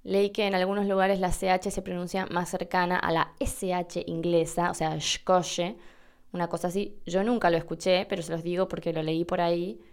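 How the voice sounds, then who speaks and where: An Argentine woman with an Argentine accent hosts a casual, chatty podcast about Spanish pronunciation, demonstrating the sounds herself. Her voice is lowish, a little mellow, clear and resonant, with a level tone. She talks briskly with hardly any pauses.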